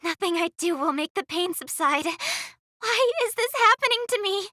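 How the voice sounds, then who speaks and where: A frightened young heroine from a video game, her voice very high and swinging wildly up and down. She sounds anxious and breathless, startling at every turn, with a bright, clean studio sound. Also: expressive, moderate pace, dry recording, exaggerated voice. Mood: frightened, pleading. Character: frightened young woman heroine trapped and lost. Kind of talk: game voice acting.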